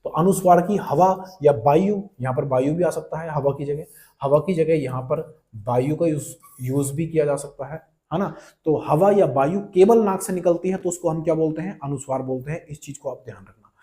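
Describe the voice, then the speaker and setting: Mellow-voiced man teaching grammar. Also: on the high side, normal speed. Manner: repeats key terms and quizzes the viewer, calling them brother and friend. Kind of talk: online exam-prep class.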